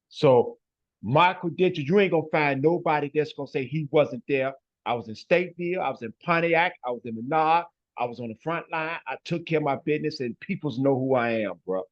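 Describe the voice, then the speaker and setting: Guy, forceful talker, says man a lot, kinda high voice, muffled audio. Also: normal speed. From west side of Chicago. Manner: emphatic, ends phrases with "man" and "bro". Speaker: guest. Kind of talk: casual interview talk.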